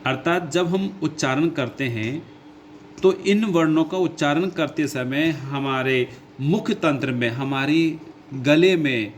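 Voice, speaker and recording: A man teaching a grammar lesson who goes slowly, repeats his points and asks his own questions before answering them. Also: fairly high pitch, slight background noise. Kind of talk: classroom lesson explaining grammar.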